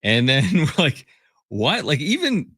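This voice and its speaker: A man hosting a casual sports talk radio show in a studio, chatty and quick to laugh. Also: a little high, breathy edge, no echo. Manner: chatty, laughs often, animated.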